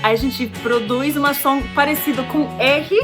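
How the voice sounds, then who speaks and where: An American woman, a native English speaker, teaching English pronunciation in a lively, chatty way. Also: sits high, unhurried, over music. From United States. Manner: lively, chatty, with colloquial fillers. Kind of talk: YouTube lesson.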